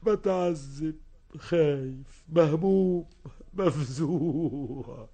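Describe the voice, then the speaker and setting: An actor with an Egyptian accent playing a tormented older holy fool in a radio drama, speaking in an anguished, pleading way. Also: male voice, on the high side, drawn-out words, gravelly, warm tone, slightly rough, heavily acted. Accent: Egyptian Arabic.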